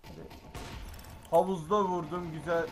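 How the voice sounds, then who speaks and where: Excitable man narrating his gameplay. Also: fairly high pitch, measured pace, a little hiss or hum. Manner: excitable, exclaiming, grumbling at the game. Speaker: gaming YouTuber. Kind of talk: live gameplay commentary.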